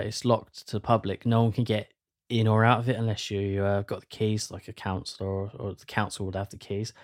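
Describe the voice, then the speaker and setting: A man telling a ghost story casually, rambling with fillers and restarts. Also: fairly low pitch.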